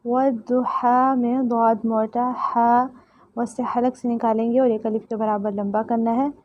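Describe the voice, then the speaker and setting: A woman teaching tajweed, chanting verses slowly and melodically, then explaining pronunciation in brisk instructive speech. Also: on the high side, little pitch movement, no room sound. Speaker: Quran recitation teacher. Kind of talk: tajweed lesson, recitation and explanation. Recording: dull lo-fi dry recording.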